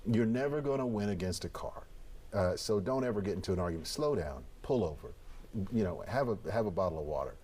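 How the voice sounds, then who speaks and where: A man's voice: on the low side, animated, brisk, darkish tone. A man of fifty-nine speaking as an interview guest, conversational, plain-spoken and folksy.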